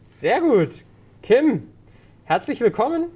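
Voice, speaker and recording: A man's voice: extremely high pitch, big pitch swings, slow, mellow, slightly rough. A man hosting a fitness podcast, asking his guest questions in a friendly manner with frequent filler sounds. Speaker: podcast host. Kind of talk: casual interview hosting.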